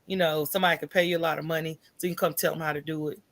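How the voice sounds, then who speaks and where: An American woman who owns a coffee business chats as a podcast guest, giving casual, colloquial interview answers and checking in with "right?" and "you know" as she explains. Her voice is low, level, and a bit bright, and she talks at a racing pace.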